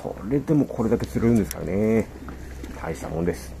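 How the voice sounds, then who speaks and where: Recorded on a body-worn camera over wind and crashing waves, a man fishing from seaside rocks keeps up a chatty commentary about his catch and lures as he reels in. His voice is on the low side, gravelly and dark, with lively intonation and a quick pace. The audio is poor.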